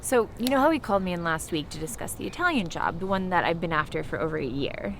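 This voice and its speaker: A woman's voice: fairly low pitch, animated, fast, a little hiss or hum. An actress playing a flustered young woman named Sophie, telling a rambling, exasperated story about a disastrous meeting.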